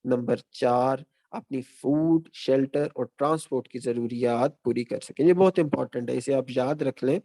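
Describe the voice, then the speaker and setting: Gravelly, mellow-toned male lecturer. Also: mid-range voice. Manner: measured, explanatory, recaps points. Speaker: guest lecturer. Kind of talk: online teaching session.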